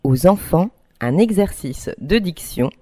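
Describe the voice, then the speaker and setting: A woman presenting a children's radio programme, interviewing gently and encouragingly. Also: on the low side, animated, measured pace.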